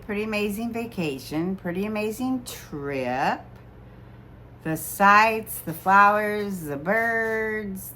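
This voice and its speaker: A woman's voice: on the low side, fairly bright tone, slight background noise. A woman in her sixties, slightly tipsy, chatting casually and ramblingly as a vlogger. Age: 60s. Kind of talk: casual chat.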